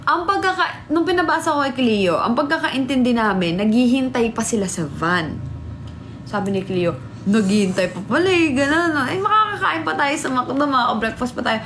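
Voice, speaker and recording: A young woman vlogger telling a story in casual chat, animated and laughing, acting out what people said. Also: high-pitched, moderate pace, slight background noise. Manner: animated, laughing, acts out quotes.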